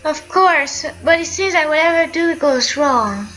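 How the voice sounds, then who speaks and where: An earnest young girl in a video game, hunting for her lost cat, as a woman voices her. Her voice is high and bright, and she speaks with a pleading sincerity. Her lines come slowly. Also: expressive.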